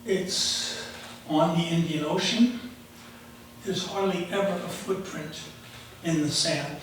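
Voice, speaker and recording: A man in his seventies from New York, telling a personal story live in measured short phrases with pauses. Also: a little high, steady tone. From United States, raised in the Bronx. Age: 70s. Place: auditorium stage. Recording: very echoey auditorium, noisy, distant.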